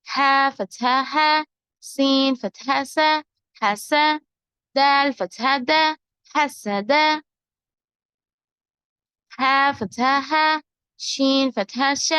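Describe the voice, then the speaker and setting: A woman teaching Quran reading, spelling out letters and syllables in a slow, deliberate drill. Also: high voice, pushed and bright, no echo.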